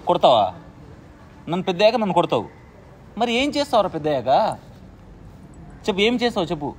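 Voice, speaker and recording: A man with a high voice teases a little child in a mock-stern way, repeating his questions over and over. Between the scolding he coaxes and soothes her, saying the same gentle words many times. Faint noise hums under his voice. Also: very animated, fairly quick. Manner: coaxing, repeating soothing phrases. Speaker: vlogger playing with a small child. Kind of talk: casual teasing talk with a child.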